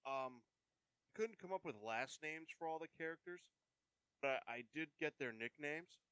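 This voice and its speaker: A man's voice: on the high side, normal speed, bright, forceful tone, clear, resonant tone, no room sound. A man chatting casually with friends, rambling and hesitant with lots of fillers, amused. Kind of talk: casual chat.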